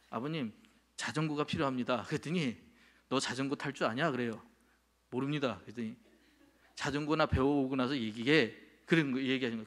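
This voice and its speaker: A male pastor preaching a sermon in a church, talking with his congregation and putting questions to them. His voice sits somewhat high for a man. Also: fairly bright tone. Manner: conversational, asks the congregation questions. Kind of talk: sermon with a childhood story. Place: church sanctuary.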